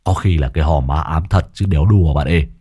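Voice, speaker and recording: A man's voice: rumbling low, fast, dark tone, breathy edge, pitched below the performer's own voice. A man voicing a cowardly young addict who stammers and whimpers as he pleads. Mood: nervous.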